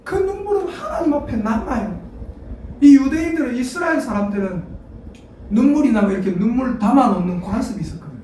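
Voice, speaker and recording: Lively pastor preaching in an echoing church. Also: medium pitch, a little fast, a little hiss or hum. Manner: lively, calls for congregation responses. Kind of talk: sermon. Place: church sanctuary. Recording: echoey church hall, mic far off.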